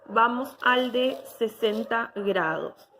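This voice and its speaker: A woman's voice: on the high side, slow pace, fairly bright tone, a little hiss or hum. A woman, giving a patient step-by-step technical drawing lesson and checking in with her students after each step.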